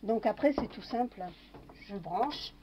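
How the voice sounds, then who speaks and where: A woman's voice: fairly high pitch, animated, a little slow, noisy background. A woman casually talking through a kitchen demonstration, narrating each step with little fillers. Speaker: home cooking vlogger. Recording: dull lo-fi home recording.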